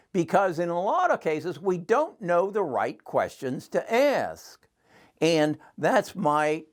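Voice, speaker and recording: A man of seventy-seven hosting his own channel, giving earnest, folksy advice straight to the camera, often repeating words as he finds his thought. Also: fairly high pitch. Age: 70s. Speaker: channel host. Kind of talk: casual advice monologue to camera.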